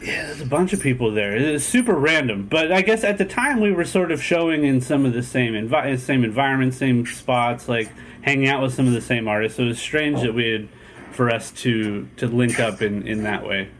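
A man's voice: mid-range voice, fairly quick, slight background noise. A man from San Diego hosting a casual interview, laid-back and rambling, swearing casually. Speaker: podcast host.

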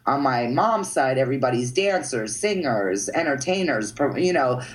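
With a very deep voice, lively intonation, and normal speed, a woman artist rambles through a casual interview as a guest. She throws in swear words and repeatedly checks in with "you know what I mean."

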